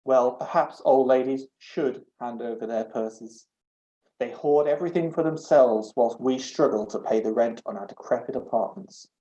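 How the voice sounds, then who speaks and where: A man's voice: mid-range voice, moderate pace, mellow, natural voice. A man voicing a blunt, sarcastic young adventuress. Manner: dry, dismissive. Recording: echoey, dull home recording.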